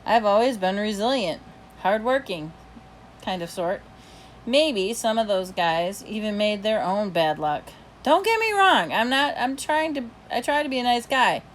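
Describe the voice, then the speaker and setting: A woman's voice: mid-range voice, lively intonation, measured pace, slight background noise. A woman reading a children's novel aloud, narrating chattily and expressively in the first person as a dog. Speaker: reader.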